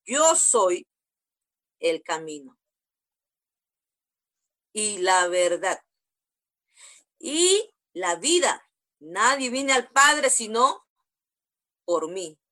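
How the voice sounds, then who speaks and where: A woman preacher acting out a calm male teacher who speaks slowly and solemnly, her voice dropping low. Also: heavily acted. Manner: slow, solemn.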